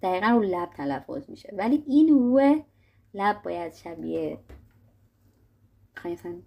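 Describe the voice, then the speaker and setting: A young woman teaching a casual video lesson, talking to viewers in a friendly way and sounding out letters slowly. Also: lowish voice, big pitch swings, gravelly, muffled recording. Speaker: English teacher.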